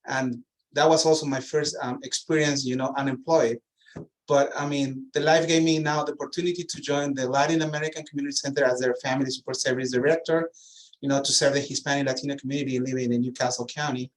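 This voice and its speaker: A man's voice: mid-range voice, steady tone, fast, low-quality recording. A middle-aged man from Peru, introducing himself earnestly on a panel. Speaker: community director, panelist.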